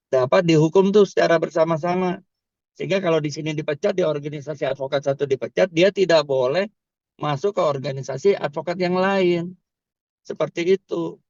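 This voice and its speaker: A man's voice: on the high side, no echo, dull audio. A man, a criminal law expert, answering interview questions in an emphatic, explanatory way. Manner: emphatic, explanatory, repeats "kan" and "tuh".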